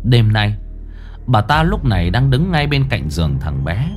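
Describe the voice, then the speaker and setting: A man narrating a ghost story in a suspenseful, expressive way. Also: fairly low pitch, a little slow, soft background music.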